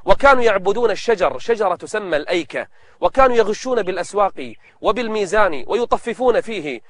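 A man's voice: high-pitched, expressive. A man presenting religious stories in formal standard Arabic, explaining in a preacherly storytelling manner. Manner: preacherly, explains between slow melodic recitations of scripture.

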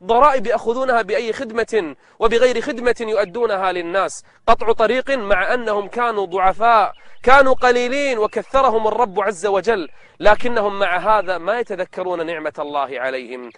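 High-pitched male preacher in formal standard Arabic. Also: a bit bright. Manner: preacherly, explains between slow melodic recitations of scripture. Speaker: presenter of a religious storytelling programme. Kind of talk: religious storytelling sermon in formal standard Arabic.

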